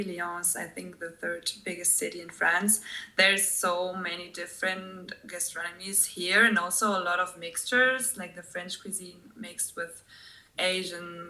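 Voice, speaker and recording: A young woman speaks English with a German accent. She answers interview questions in a relaxed, direct way, with many fillers and short laughs. Her voice sits low but sounds bright and forceful. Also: rough recording. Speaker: guest, former tour guide. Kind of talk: casual interview chat.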